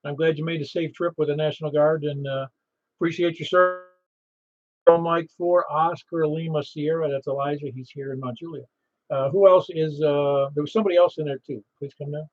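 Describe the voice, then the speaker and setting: A man with a slightly high voice hosts a casual ham radio net. He rambles in a chatty way, and the sound is a little dull. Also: steady tone, fairly quick. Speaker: amateur radio net host. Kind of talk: casual net hosting with call signs.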